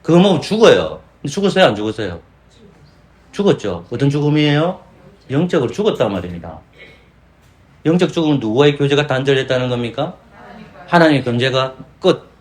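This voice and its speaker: A man's voice: medium pitch, very animated, brisk. A man preaching a Sunday sermon as pastor with a Gyeongsang accent, firing rhetorical questions at the congregation and acting out quoted voices. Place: church sanctuary.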